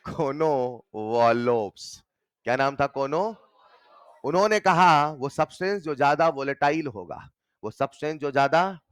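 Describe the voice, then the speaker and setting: A male chemistry teacher with a slightly raised pitch lectures with animated energy. He keeps throwing rapid questions at his students. The recording is close and dry, with no room sound. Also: dry recording. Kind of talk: classroom lecture.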